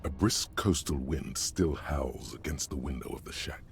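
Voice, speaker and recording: An actor voicing a brooding, solemn narrator in a video game, speaking slowly and gravely. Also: male voice, very deep voice, expressive, slight background noise, heavily acted. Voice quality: gravelly, slow and measured.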